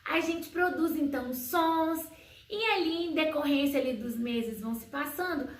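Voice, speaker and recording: In an educational video for parents, a homeschooling educator poses questions slowly and supplies her own answers, breaking into high, sing-song baby words. She sounds a bit distant from the microphone, with the room's echo audible.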